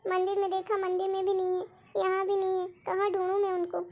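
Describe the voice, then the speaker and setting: A woman's voice: very high voice, monotone, fast talker, a little mellow, muffled recording. Woman playing an anxious young daughter. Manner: emotional, pleading. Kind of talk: storytelling role-play.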